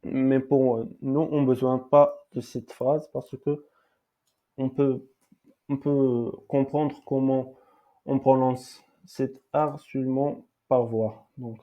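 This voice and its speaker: Very slow, hesitant male language teacher. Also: mid-range voice, flat delivery, narrow, tinny audio. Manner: hesitant, many fillers and restarts, repeats each word several times. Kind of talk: slow explanatory lesson with repeated example words.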